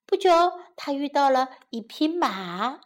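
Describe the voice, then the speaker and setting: A woman narrating a bilingual children's storybook in a clear storytelling manner. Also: high-pitched, animated, measured pace.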